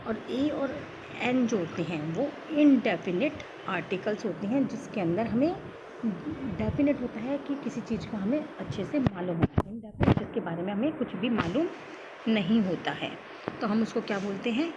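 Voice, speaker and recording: A woman with an Indian accent, teaching a grammar lesson, explaining slowly and answering her own questions. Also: medium pitch, lively intonation, noisy background.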